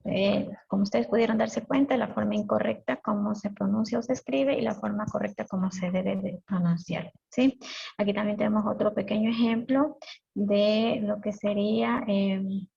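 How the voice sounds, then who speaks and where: A woman lecturing in a live online lesson, her voice husky with a gravelly edge. She keeps checking that the class follows along. The stream audio sounds dull and lo-fi. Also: mid-range voice, steady tone, normal speed, dark tone. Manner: checks in with frequent "¿sí?". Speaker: teacher.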